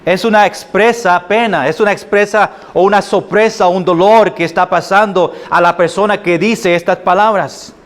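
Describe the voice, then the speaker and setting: A man with a Puerto Rican accent preaching a sermon as pastor, halting often with fillers and restarts. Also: high voice, fairly even intonation. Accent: Puerto Rican Spanish. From Puerto Rico. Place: church sanctuary.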